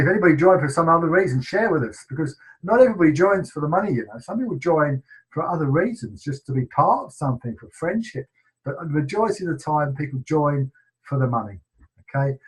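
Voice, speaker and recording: A man's voice: a little high, rough recording. Chatty English man hosting a webinar. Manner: chatty, enthusiastic, many ums and restarts. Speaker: team leader hosting a sales webinar. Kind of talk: casual upbeat webinar hosting.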